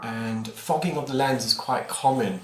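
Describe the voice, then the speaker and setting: A man's voice: mid-range voice, normal speed. A man giving informal explanatory voice-over in a hesitant, rambling way, talking to viewers as a clinician. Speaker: ear care clinician narrating own procedure videos. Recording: echoey room, clear background noise. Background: background noise of the procedure.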